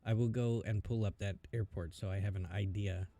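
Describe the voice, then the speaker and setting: A man working as a streaming air traffic controller, moving between measured procedural calls and casual chat. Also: fairly low pitch, steady tone, mellow.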